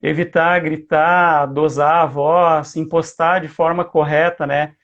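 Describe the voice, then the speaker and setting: A man with a voice pitched a bit above most men hosts a live interview. He puts his questions in a relaxed, conversational way. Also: slow pace, highs cut off. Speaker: host interviewer.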